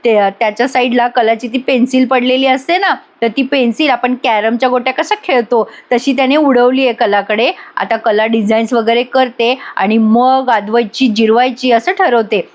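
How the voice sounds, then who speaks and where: High-voiced woman retelling a TV episode. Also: steady tone, moderate pace, few pauses. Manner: chatty storytelling, addressing viewers directly. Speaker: TV serial reviewer. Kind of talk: voice-over episode review.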